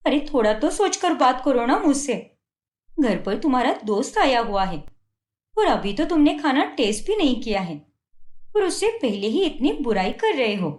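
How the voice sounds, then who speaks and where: Young cartoon wife, patient but hurt, played by a woman; high and lively. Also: normal speed, roomy sound. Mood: pleading. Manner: pleading, defensive.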